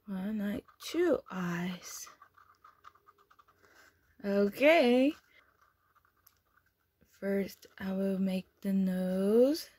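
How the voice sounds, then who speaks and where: A woman teaching children online, reading a storybook aloud and then guiding a craft activity in a slow, clear, expressive way. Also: mid-range voice. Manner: slow, clear, expressive delivery for young learners.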